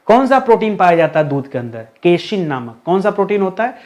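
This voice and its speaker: A young male teacher runs an online exam-prep lesson in a high, bright-pitched voice. He is chatty and lively, and he talks to his students as friends. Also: fast.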